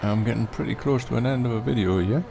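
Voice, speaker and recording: A man giving relaxed, rambling commentary over a farming game, with lots of ums. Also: medium pitch, quick pace, creaky, noisy background. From Britain. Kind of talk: casual gameplay commentary.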